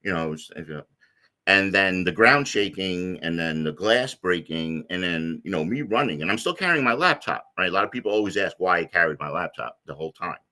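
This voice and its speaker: A middle-aged man from the United States telling a personal story as an interview guest, rambling with many fillers and restarts in a deep voice. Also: lively intonation, brisk, bright, forceful tone. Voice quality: deep low voice.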